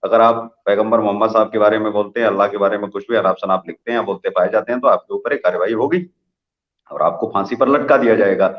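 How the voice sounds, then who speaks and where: A man's voice: on the low side, steady tone, fast, roomy sound, muffled recording. Argumentative male TV interviewer. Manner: argumentative, long rhetorical questions. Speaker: TV news interviewer. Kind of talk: opinionated live TV interview.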